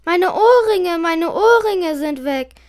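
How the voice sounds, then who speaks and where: A reader voicing an emotional, upset schoolgirl from a children's book, loud and shrill. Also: normal speed.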